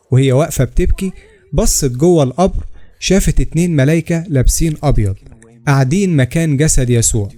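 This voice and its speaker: A man with an Egyptian Arabic accent reading scripted religious narration, steady and explanatory, citing scripture references. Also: on the high side. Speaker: channel narrator.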